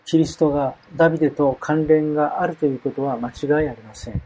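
A man preaching a sermon, reading Bible verses aloud in a measured way and explaining them. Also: fairly high pitch, fairly even intonation, warm tone, slightly rough, poor audio.

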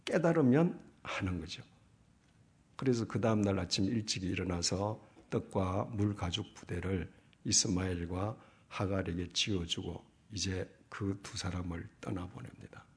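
A man's voice: low voice, measured pace. A man preaching a sermon, reading scripture aloud and putting rhetorical questions to the congregation. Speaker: pastor.

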